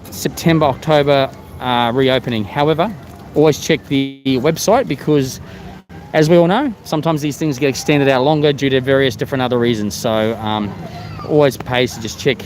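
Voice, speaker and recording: A man's voice: medium pitch, normal speed, a little mellow. Mask-muffled Australian man live-streaming outdoors. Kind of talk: casual live vlog chat, greeting viewers. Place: outdoors at a theme park. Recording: outdoor ambient noise, vehicle sounds.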